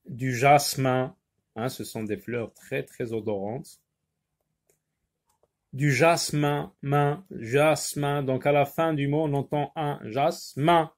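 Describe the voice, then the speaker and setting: A man teaching a French phonics lesson, repeating words slowly and spelling out letters. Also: mid-range voice, a little mellow. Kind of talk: slow, drawn-out phonics lesson.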